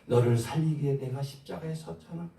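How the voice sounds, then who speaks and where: A male pastor preaching a sermon, asking the congregation questions and answering them, moving between loud exhortation and soft low asides. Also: brisk, slight background noise. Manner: call-and-response preaching, asks the congregation questions. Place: large church sanctuary. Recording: roomy echo, far from the mic.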